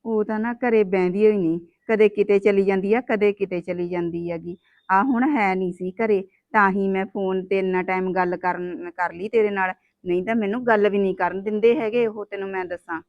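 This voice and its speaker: A woman's voice: mid-range voice, steady tone, fairly quick, no echo, highs cut off, close to an everyday voice. A woman playing an unhappy young wife with three daughters who pours out her troubles in a plaintive, complaining manner. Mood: resigned. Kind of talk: web drama acting.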